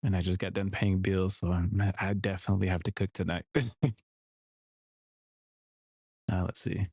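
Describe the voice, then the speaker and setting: A music producer streaming his work talks casually to himself as he builds samples, rambling, correcting himself, and chuckling softly. His voice sits low and is darkish and husky, with a flat delivery at a moderate pace, captured in a dry recording.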